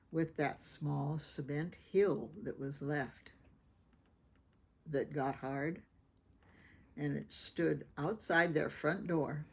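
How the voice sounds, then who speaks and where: A woman with a lowish, creaky voice takes her time reading a picture book to children. Expressive and informal, she acts out the dialogue and chats about the pictures as she goes.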